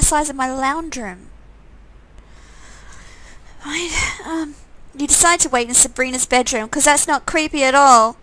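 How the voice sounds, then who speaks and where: A woman reads a visual novel game aloud in a casual style, adding sarcastic, amused comments between the lines she reads. Her voice is high with a sharp tone, and the recording quality is low.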